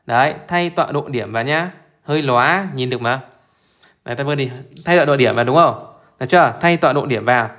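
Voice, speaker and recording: A man's voice: medium pitch, fast talker, fairly bright tone. A man teaching math as he walks through an exam live, chatty and informal, constantly repeating short check-in questions to his listeners. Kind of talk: live exam solution walkthrough.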